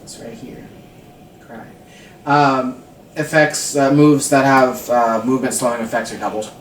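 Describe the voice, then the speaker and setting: A man's voice: mid-range voice, a little slow, slight background noise. A man playing a tabletop game, talking in a hesitant way and repeating words. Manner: animated, hesitant, repeats himself. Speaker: player. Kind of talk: casual tabletop play. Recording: distant from mic in an echoey room.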